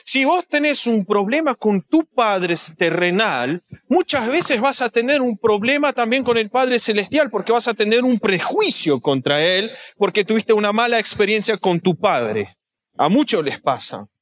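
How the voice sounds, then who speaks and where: A man preaching a sermon, animated and acting out little scenes with voices. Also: high-pitched.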